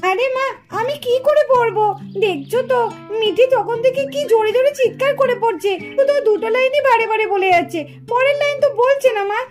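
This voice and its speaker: A woman's voice: very high voice, fairly quick, faint music behind. A woman voicing an annoyed older sister in a doll cartoon, complaining in a whiny voice. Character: fed-up older sister trying to study.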